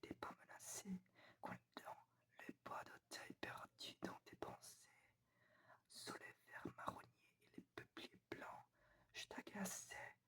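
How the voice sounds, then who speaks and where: A woman giving a whispered ASMR poetry reading, soft, breathy and quiet as if late at night, reciting deliberately with pauses. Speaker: reader of poetry.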